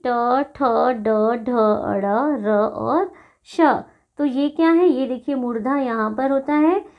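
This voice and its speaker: Lady teacher going through a lesson real slow, kinda high voice, patient, repeats stuff, muffled lo-fi sound. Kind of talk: classroom lesson explanation.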